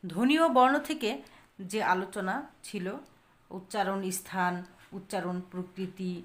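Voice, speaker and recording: A woman teacher giving a grammar lesson on pronunciation, repeating example words slowly and answering her own questions. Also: medium pitch, a bit bright.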